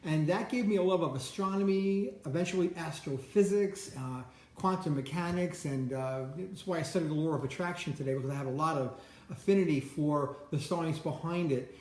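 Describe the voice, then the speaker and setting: A man with a slightly high voice gives a loose, rambling monologue that often stumbles and repeats words at the start of sentences. He keeps breaking off to greet people passing by. The sound is roomy and echoey. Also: fairly quick, a little mellow. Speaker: host. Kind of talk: casual motivational monologue.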